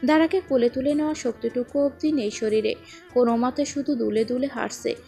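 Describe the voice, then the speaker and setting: A woman narrating an emotional serialized story in a steady, dramatic reading voice. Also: on the high side, brisk, gravelly. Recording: faint background music.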